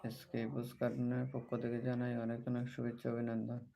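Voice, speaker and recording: A man hosts a casual livestream, greeting viewers and repeatedly urging them to join in. His mid-range voice is monotone, fast, and dark, with vocal fry. The dull lo-fi stream audio carries slight background noise.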